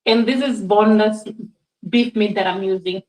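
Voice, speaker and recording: A woman's voice: mid-range voice, moderate pace, a little mellow, far from the mic. Chatty woman cooking in an echoey kitchen. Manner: chatty, often addresses viewers as guys. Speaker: cooking vlogger. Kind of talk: casual cooking demonstration. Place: home kitchen.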